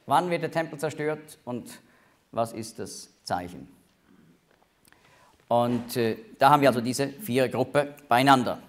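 A man's voice: mid-range voice, a little slow, pauses often. A man teaching a Bible study, explaining names and passages with emphatic rises.

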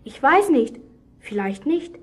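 A woman's voice: high-pitched, very animated, takes it slowly, exaggerated voice. A woman acting a young girl in a children's radio play, earnestly retelling a Bible story to a boy.

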